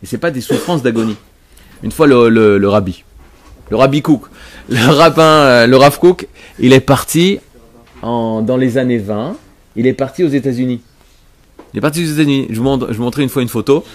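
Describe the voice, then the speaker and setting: An emphatic man teaches a religious lesson to his class at a middle pitch. He explains each point at length, repeating words and restarting his sentences as he works through his ideas. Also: normal speed, pauses often. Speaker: Torah teacher.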